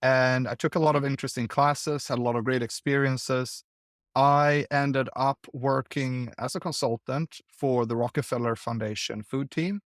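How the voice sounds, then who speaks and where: Thoughtful male guest from Sweden, mid-pitched, dry close recording. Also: steady tone, no room sound. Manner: thoughtful, halting with repeated words. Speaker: guest, investor. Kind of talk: conversational interview.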